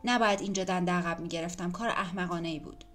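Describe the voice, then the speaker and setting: An anxious male chauffeur, as a woman reading the story puts him on, deferential and quick to apologize. Faint music lies under the narration. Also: fairly low pitch, a bit bright, natural voice. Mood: apologetic.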